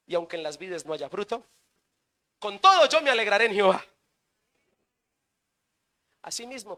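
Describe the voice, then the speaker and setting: A man preaching a sermon in church, firing rhetorical questions and swinging between loud bursts and quiet stretches. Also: high voice. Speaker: pastor.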